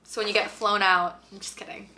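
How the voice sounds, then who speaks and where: A woman's voice: medium pitch, flat delivery, a little fast, pushed and bright. A young woman chatting to camera from her bedroom about her monthly favorites, upbeat and full of fillers. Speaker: lifestyle vlogger. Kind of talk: casual chat to camera. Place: bedroom at home, indoors.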